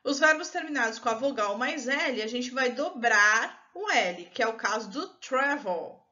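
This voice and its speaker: A woman's voice: a little high, animated, unhurried, sharp tone. A woman with a Brazilian Portuguese accent, an English teacher patiently explaining a recorded online lesson step by step. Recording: dull lo-fi recording.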